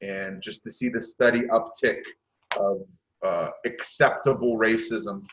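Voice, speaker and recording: A podcast guest in his late thirties speaks with a fairly low, steady, fairly bright voice, a little slowly. The chat is casual, and he's frank and reflective, hesitating a lot with "uh" fillers, heard through a dull lo-fi mic.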